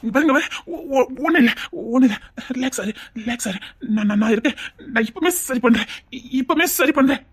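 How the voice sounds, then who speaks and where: A woman plays a desperate, tender husband in a tearful melodrama, with a Tirunelveli Tamil accent. The voice is husky and pitched high, and the words rush out in stammered, repeated reassurances. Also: lively intonation, quick pace. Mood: pleading, desperate.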